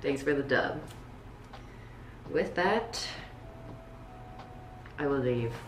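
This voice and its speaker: Laid-back low-voiced young woman vlogger. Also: extremely slow, echoey room, a little hiss or hum. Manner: relaxed, laughs often between words. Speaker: vlogger and beach volleyball player. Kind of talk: casual vlog chat.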